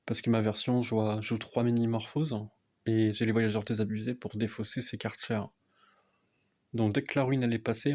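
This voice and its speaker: Young guy talking quietly over card game play, lowish voice, kinda hesitant, lots of uh. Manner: speaks softly, low volume; hesitant, many fillers. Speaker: card game content creator. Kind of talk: casual gameplay commentary.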